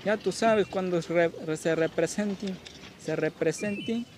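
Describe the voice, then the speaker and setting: Male gaming host, tipsy and rambling, slightly high voice, casual crude commentary at a slow pace. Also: darkish tone, slight background noise. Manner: rambling, crude joking, repeats himself.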